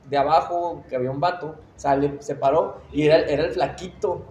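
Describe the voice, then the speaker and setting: A man's voice: on the high side, steady tone, fairly quick, darkish tone, roomy sound, slight background noise. Slangy mexican guy telling a story. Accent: Mexican Spanish. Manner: slangy, laughing storyteller acting out quoted voices. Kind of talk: casual chat.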